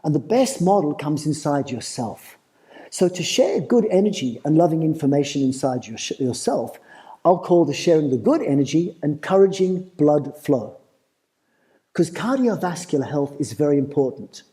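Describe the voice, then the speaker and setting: A man's voice: a little high, animated, moderate pace, warm tone, low-quality recording. An Australian man giving a playful live talk at a festival, putting questions to the audience. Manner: engaging, asks the crowd questions, playful. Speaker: festival presenter.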